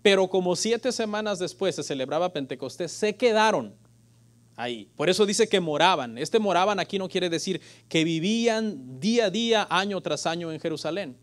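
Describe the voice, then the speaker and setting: A middle-aged man, preaching a lively sermon in church and joking with the congregation. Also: high-pitched, moderate pace. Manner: lively preaching, addressing listeners as "hermano"; jokes with the congregation. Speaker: pastor.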